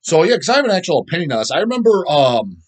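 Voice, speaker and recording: Speaking a little high and very fast, he sounds extremely animated. He is the host of an underground death metal video show, answering viewer comments in a loose, opinionated ramble full of profanity, bluntness, and repeated words for emphasis.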